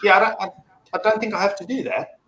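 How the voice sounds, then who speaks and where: Chatting loosely as a live-stream guest, this man with an English South African accent rambles and swears casually. He speaks quickly in a high voice with fairly even intonation. Crowd noise and faint noise come through a roomy mic.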